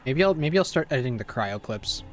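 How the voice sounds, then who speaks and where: A man hosting a gaming stream in relaxed chat with friends, laughing often and swearing casually. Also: medium pitch, fairly quick. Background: music.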